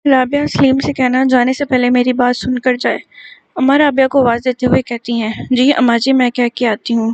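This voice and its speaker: A woman reads a novel aloud with an Urdu-inflected Hindustani accent, keeping one steady storytelling voice for every character. Her voice sits high with little rise and fall. The recording is dry and a little muffled. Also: dry recording. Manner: even storytelling read, voicing every character herself. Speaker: novel reader.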